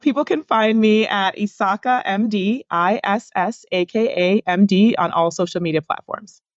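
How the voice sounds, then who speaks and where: Measured woman doctor giving advice. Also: mid-range voice, no echo, highs cut off. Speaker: physician researcher, guest. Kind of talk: podcast interview.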